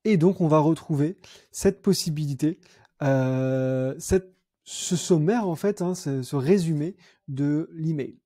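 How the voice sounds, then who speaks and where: A young man demoing software in a screen-recorded tutorial, chatty and thinking aloud with fillers and self-corrections. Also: fairly high pitch, slow, dry recording, clean studio sound. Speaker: CRM consultant demoing software.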